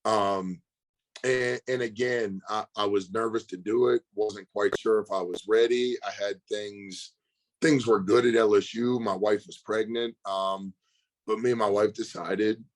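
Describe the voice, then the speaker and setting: Guy with a lowish voice, chatting on a podcast, laid back, acts out the quotes in his stories. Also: unhurried. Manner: relaxed, recounts events by acting out quoted dialogue. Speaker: strength and conditioning coach, podcast guest. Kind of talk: casual storytelling in a podcast interview.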